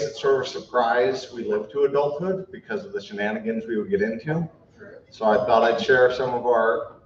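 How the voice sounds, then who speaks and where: A man's voice: mid-range voice, a little hiss or hum. Young guy doing a eulogy, earnest w a bit of humor, roomy echo, kinda far from the mic. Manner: earnest, lightly humorous, halting at times. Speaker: eulogist at a memorial. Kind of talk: memorial speech, anecdotes then a reading. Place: memorial service hall. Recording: echoey, distant, dull room recording.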